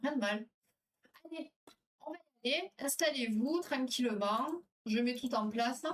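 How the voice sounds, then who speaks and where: A French woman hosts a live stream, rambling easily as she chats with viewers, reads their comments aloud, and reads out quiz questions. Her voice is fairly high at a moderate pace, caught on a distant mic with music playing behind.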